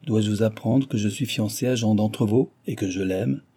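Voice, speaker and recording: A man's voice: lowish voice, normal speed, warm tone, breathy edge. A man voicing a frightened but defiant young woman, indignant and crying out in terror.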